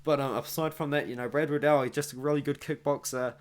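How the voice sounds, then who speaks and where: A young New Zealand man hosts an MMA analysis channel, rambling through a fight prediction, correcting himself and tossing asides to viewers. His voice is fairly high with fairly even intonation, and he talks quickly in this casual monologue.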